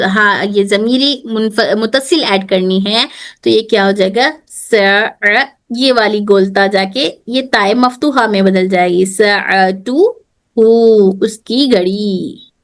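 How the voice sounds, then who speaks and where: A woman's voice: medium pitch, slow. A woman teaching an online grammar class, repeating terms and often checking that students follow, mixing in English phrases. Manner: mixes Hindi with English phrases. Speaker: Arabic teacher.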